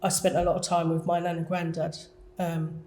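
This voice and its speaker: A woman's voice: on the low side, level tone, a little fast, a little mellow. A woman with an Essex accent, a guest artist telling her story in a down-to-earth, hesitant, chatty way. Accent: Essex English. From Essex, England. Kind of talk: casual interview chat.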